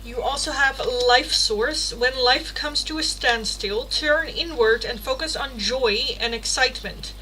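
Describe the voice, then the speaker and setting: This young tarot reader from the Netherlands talks with a Dutch accent in a high, pushed, bright voice at a measured pace, hardly pausing. On her livestream she chats, laughs often, swears casually, and reads card text aloud. The recording is rough, with slight background noise.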